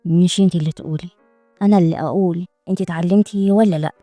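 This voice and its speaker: A woman's voice: lowish voice, steady tone, rapid-fire, mellow, dry recording, faint music behind, pitched below the performer's own voice, lightly acted. A woman voicing an arrogant, commanding male mafia boss, giving clipped orders in an Egyptian accent. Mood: stern. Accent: Egyptian Arabic.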